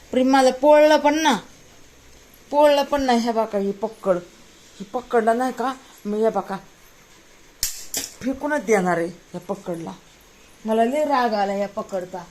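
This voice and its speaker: A woman's voice: a little high, a little mellow. Exasperated woman cooking. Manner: exasperated, complaining, talks while cooking. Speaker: home vlogger. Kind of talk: casual kitchen vlog talk to viewers. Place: home kitchen.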